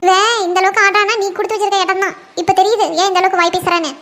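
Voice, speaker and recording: A piercingly high, shrill cartoon mother-in-law, voiced by a woman, who nags and scoffs at her son's wife. She rattles off her scolding at a breakneck clip. Her scorn rarely lets up. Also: little pitch movement, fairly bright tone. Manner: scornful, nagging, rapid scolding. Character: sharp-tongued scolding village mother-in-law. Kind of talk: cartoon voice acting.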